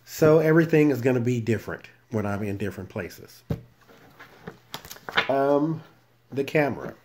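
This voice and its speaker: A tarot channel host chats casually to his viewers from a shared room at home, recorded on a cell phone camera with slight background noise. His very soft, naturally muffled mid-range voice has lively intonation, and he stays quiet and unhurried, never raising it.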